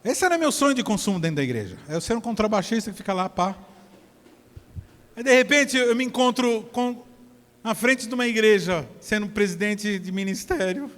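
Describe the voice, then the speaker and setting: A man with a Brazilian Portuguese accent preaching a sermon at a church service, telling stories in an animated way that swings from near-shouts to soft asides. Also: high-pitched, fairly quick. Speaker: pastor. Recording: long church hall reverb.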